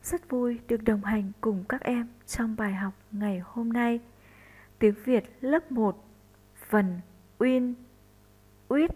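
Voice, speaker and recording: Very slow woman teacher, first-grade lesson. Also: fairly high pitch, mellow, low-quality recording. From northern Vietnam. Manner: slow, deliberate, spells out sounds in a clear teaching voice. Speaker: primary school teacher.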